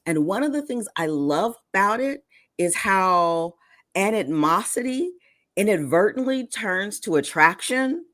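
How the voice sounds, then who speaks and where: A woman's voice: medium pitch, expressive, a little slow, fairly bright tone, no room sound. A woman author reading from her novel and talking about her writing in a casual interview. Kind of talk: podcast interview and book reading.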